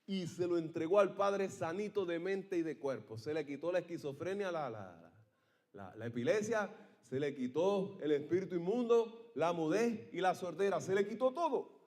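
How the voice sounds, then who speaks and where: A man preaches with a fairly high voice, telling a story with theatrical energy. He swings from hushed asides to ringing shouts and keeps asking the congregation for their amens. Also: expressive, normal speed. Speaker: pastor. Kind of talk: sermon.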